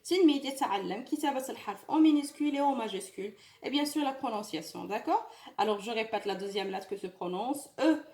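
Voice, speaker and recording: Echoey, slow-spoken woman teaching French. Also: fairly high pitch, expressive, darkish tone. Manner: slow, drawn-out French, quick Arabic explanations; repeats words and asks "d'accord?" often. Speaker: French teacher for young pupils. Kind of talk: bilingual lesson at a whiteboard. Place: room with a whiteboard. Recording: echoey room.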